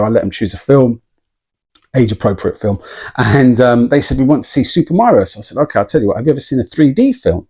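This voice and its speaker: Chatty husky man telling a story. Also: medium pitch, darkish tone. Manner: chatty storytelling with frequent laughs and ums. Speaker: vlogger. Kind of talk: casual unboxing vlog.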